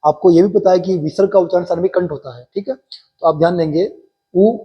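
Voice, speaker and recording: A man's voice: sits high, a little fast, slightly rough, highs cut off. A male teacher explaining a Sanskrit grammar lesson for exam preparation, going step by step and quizzing his students with repeated questions.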